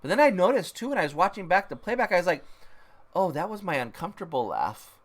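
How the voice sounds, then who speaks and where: A man's voice: sits high, sing-song, quick pace. A tired man co-hosting a casual live stream in an easygoing, rambling, jokey way. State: tired, ready for bed. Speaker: live stream co-host and vlogger. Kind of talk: casual livestream chat.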